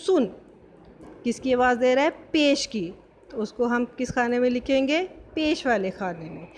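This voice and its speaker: A woman teaching a primary school language lesson, spelling words slowly sound by sound and quizzing her pupils. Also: a little high, animated, a little hiss or hum. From Pakistan. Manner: slow, syllable-by-syllable spelling with quiz questions. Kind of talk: recorded classroom lesson.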